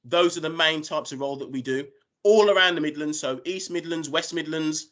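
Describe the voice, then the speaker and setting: Higher-pitched British man presenting informally. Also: a little fast, fairly bright tone. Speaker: recruiter presenting job opportunities. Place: online video call.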